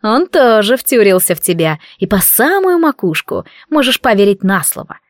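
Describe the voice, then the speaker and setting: A woman's voice: mid-range voice, sing-song, normal speed, no room sound, studio quality, close to an everyday voice. A woman voicing a spiteful, jealous young maid who talks in a venomous, mocking hiss. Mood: gloating.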